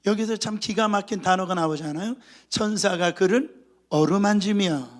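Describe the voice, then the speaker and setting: A man's voice: high-pitched, moderate pace. A male pastor preaching a sermon, earnestly addressing the congregation with rhetorical questions. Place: church.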